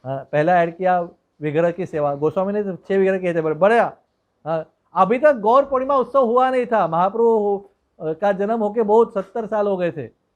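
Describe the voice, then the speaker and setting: A man preaching a devotional story in a relaxed, conversational way, with digressions and hmm fillers. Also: sits high, moderate pace, lo-fi sound.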